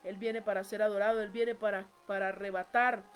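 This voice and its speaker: A woman's voice: medium pitch, level tone, a little fast. A woman preaching a sermon, reading scripture aloud and building to emphatic rises.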